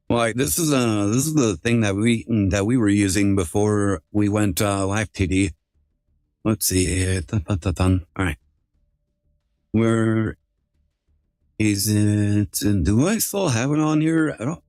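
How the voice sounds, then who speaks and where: A man's voice: fairly low pitch, slow pace, long pauses, a little mellow, dry recording, studio quality. A man streaming live through a voice changer, chatting casually with rambling, filler-heavy sentences that often restart. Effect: voice changer altering his voice.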